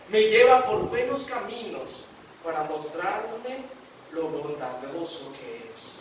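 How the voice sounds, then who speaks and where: A Guatemalan pastor in his thirties preaches an earnest sermon in a high voice. His words ring through a very echoey church hall, heard from well back from the mic, with faint ambience underneath. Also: fairly bright tone, recorded from a distance, a little hiss or hum. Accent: Guatemalan Spanish. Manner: earnest preaching, rising on questions, slowing to read scripture aloud. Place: church sanctuary.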